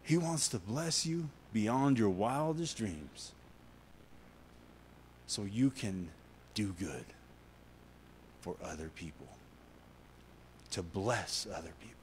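A man preaching a sermon as a guest pastor, rising to loud emphatic lines and dropping to soft, hushed ones while he tells a story. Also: fairly low pitch, expressive, takes it slowly, long pauses, slight background noise. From United States. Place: church sanctuary.

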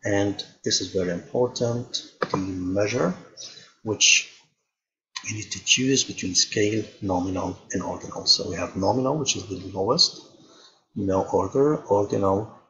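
A man calmly explaining software settings step by step, thinking aloud as he goes, in a tutorial voice-over. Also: on the low side, unhurried, muffled recording. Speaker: instructor.

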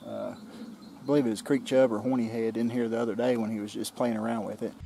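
Speaking briskly in a creaky, medium-pitched voice, a forties-aged outdoor vlogger talks casually about his creek fishing as he goes. He addresses a close camera with a mounted mic, and faint outdoor nature sounds add slight background noise.

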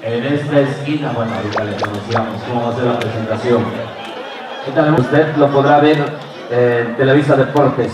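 A man's voice: mid-range voice, steady tone, moderate pace. A Mexican man working as a ring announcer in lucha libre style, calling the action live with showman catchphrases and rallying the crowd for applause. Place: outdoor rodeo ring before a packed crowd. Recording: echoing PA, distant, loud outdoor crowd noise.

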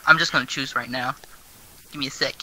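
A man's voice: mid-range voice, steady tone, fairly quick, pushed and bright, a little hiss or hum, low-quality recording. A man chatting casually as a tabletop game player, insistent and repeating himself. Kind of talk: casual chat.

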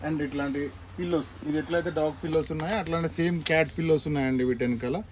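A man's voice: on the high side, steady tone, fast talker. A young man with a Telugu accent walking viewers through a pet shop, explaining products in a chatty, informal way. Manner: chatty, explanatory, mixes English words into Telugu. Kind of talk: casual shop tour for viewers. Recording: faint background noise.

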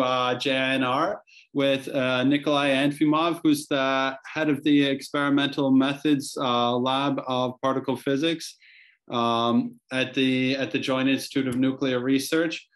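A man opens an online science session and introduces the guest speaker. His voice sits at an ordinary pitch, and his delivery is friendly and full of small fillers. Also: steady tone, moderate pace. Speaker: host.

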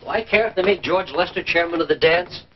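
An actor playing a sulky, stubborn, blustering American husband in a mid-century radio comedy. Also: male voice, on the high side, fairly quick, close to an everyday voice. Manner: indignant, stammering bluster. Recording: dull, faintly noisy vintage radio recording.

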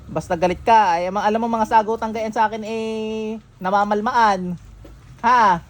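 Stern healer chanting spells. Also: male voice, steady tone, normal speed. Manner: stern, interrogating, chants in low murmurs. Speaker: faith healer. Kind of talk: chanting healing ritual. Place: healing session in a home.

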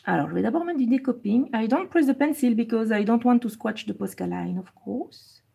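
A husky-voiced woman hosts a live coloring stream, giving a bilingual tutorial and reading chat while switching between French and English and repeating each step. Her voice is a little high and expressive at a moderate pace, going soft and murmured as she concentrates on coloring.

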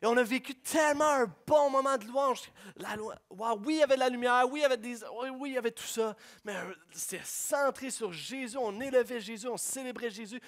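A man preaching a sermon, swinging from hushed prayerful lines to loud, excited storytelling. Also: extremely high pitch, fairly quick, hardly any pauses. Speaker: pastor.

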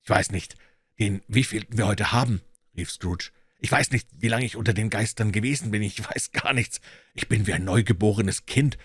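Male reader doing an old miser, elated, breathless exclamations; low, husky. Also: normal speed, no room sound. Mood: eager.

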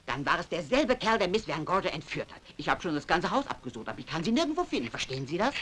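Bright, animated, anxious bossy housekeeper. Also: female voice, on the low side, fast. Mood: insistent. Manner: urgent, commanding, dramatic. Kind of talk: dubbed vintage thriller film acting.

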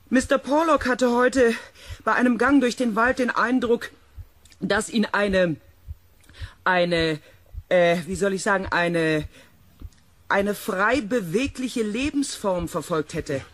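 An actor playing a calm, orderly base camp officer in a German radio play, with a husky voice. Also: male voice, fairly high pitch, normal speed, no room sound. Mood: calling out.

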